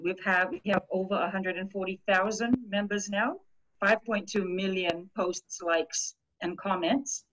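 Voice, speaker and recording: Woman from Fiji, video-call guest, clear explainer. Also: mid-range voice, steady tone, measured pace, noisy background. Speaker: guest, group founder.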